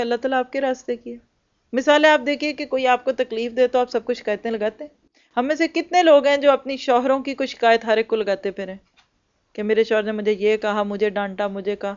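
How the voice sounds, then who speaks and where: A woman gives an earnest, exhorting religious lecture as a Quran teacher. Her voice is smooth, clear and somewhat high. The recording sounds slightly dull and lo-fi. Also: fairly quick. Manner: earnest, exhorting, mixing in English words.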